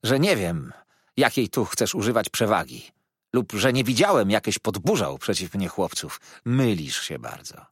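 A man's voice: lowish voice, very animated, normal speed, slightly rough, no room sound, clean studio sound. A man voicing a meek male schoolteacher who has lost his patience, speaking in a raised, strained, pleading voice. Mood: exasperated.

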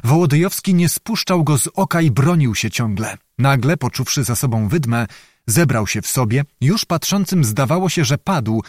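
A male audiobook narrator telling a historical novel with measured, dramatic storytelling. His pitch is ordinary for a man. The recording is dry and close, as in a small studio booth. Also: lively intonation, darkish tone, no echo.

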